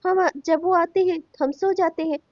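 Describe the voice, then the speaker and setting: A woman's voice: extremely high pitch, steady tone, normal speed, darkish tone, no room sound. A woman voicing a school-age child in a cartoon drama, plaintive and rambling as it complains. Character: chatty school-age child missing dad. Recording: dry, dull lo-fi sound.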